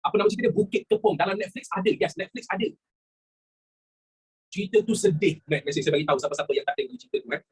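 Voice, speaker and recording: A man's voice: high-pitched, fast talker, breathy edge. A man with a Malaysian Malay accent teaching a history lesson in a chatty way, asking rhetorical questions and repeating his phrases. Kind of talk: classroom lesson mixing in English words.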